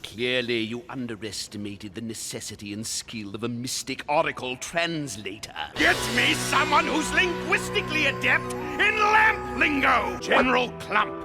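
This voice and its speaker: A man's voice: a little high, very animated, moderate pace, few pauses. A man voicing a pompous, scheming reptile king villain in a cartoon, with florid, sarcastic, theatrical delivery. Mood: imperious, irritated. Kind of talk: animated cartoon villain acting. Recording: cartoon soundtrack with loud background music. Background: music.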